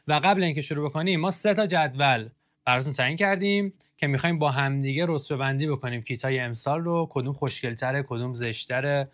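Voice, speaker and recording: A man's voice: fairly high pitch, a bit bright. A young man hosting a casual football kit review, joking and sarcastic as he reads out comments.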